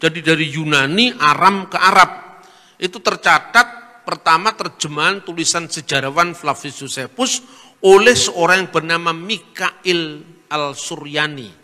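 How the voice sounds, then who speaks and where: A man's voice: fairly high pitch, a little slow, pushed and bright. Teacherly male lecturer, piercing voice, poses and answers his own questions; recorded with a long hall echo. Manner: teacherly, asks himself questions and spells out letters. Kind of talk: explanatory lecture.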